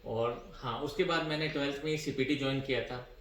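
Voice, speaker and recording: A man's voice: mid-range voice, brisk, a bit bright. A Rajasthani man chatting casually in a couple vlog, earnest and plain as he recalls things step by step. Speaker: vlogger, co-host with wife. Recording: echoey room, faint background noise.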